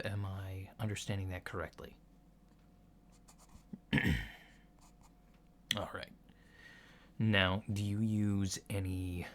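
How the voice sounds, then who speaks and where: In a soft-spoken ASMR roleplay, a male performer plays a polite, unhurried alien doctor who looks human, giving a checkup. His soft, fairly low voice moves very slowly through methodical questions, with hesitant, reassuring pauses, while noise is clearly audible in the lo-fi recording.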